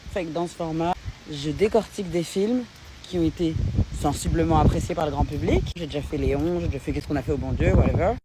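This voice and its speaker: A woman's voice: sits low, dark tone, a little hiss or hum. A woman content creator giving impassioned, militant commentary to her viewers. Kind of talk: commentary vlog.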